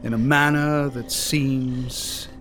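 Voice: medium pitch, fairly even intonation, slow, fairly bright tone, a little hiss or hum. A storyteller giving a campy, melodramatic comic narration of a gruesome tale.

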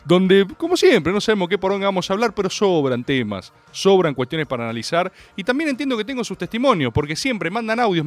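A man with an Argentine Rioplatense accent hosting a radio show, delivering a comedic monologue in a sarcastic, mock-grandiose, slangy way. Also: high voice. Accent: Argentine Rioplatense Spanish.

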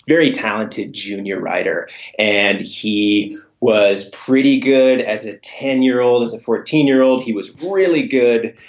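A man's voice: fairly low pitch, echoey room, muffled recording. A man speaking conversationally as an interviewed journalist over a remote connection. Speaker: cycling journalist guest.

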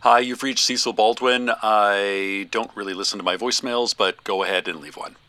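A man speaks a recorded voicemail greeting, heard down a phone line. His voice sits low and sounds offhand and unbothered. A steady hiss of noise runs under it. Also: normal speed. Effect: recorded voicemail greeting heard over a phone. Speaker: actor.

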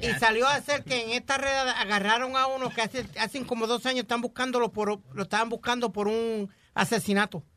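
A man's voice: very high-pitched, fairly even intonation, fast talker, hardly any pauses, sharp tone, slight background noise. A man co-hosting a radio show, reporting news chattily and switching into English. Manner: chatty, mixes English and Spanish. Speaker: radio co-host.

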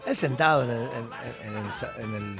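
A man's voice: medium pitch, moderate pace, gravelly, over music. A middle-aged man with an Argentine Spanish accent, a singer chatting as a radio guest, telling stories with animation and trailing off into hesitations. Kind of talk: casual radio interview chat.

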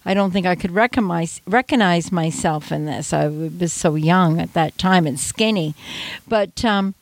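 An older Canadian woman, a guest on a radio interview, tells stories with energy, acting out her younger self and laughing often. Her voice is on the low side, her pace moderate, and there's no room sound.

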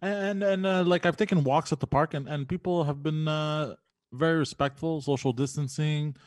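A man on a comedy podcast who answers haltingly, with fillers and pauses. His voice sits slightly high and sounds dry and close. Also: steady tone, no echo. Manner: hesitant, halting. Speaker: podcast guest. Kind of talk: casual comedy podcast banter.

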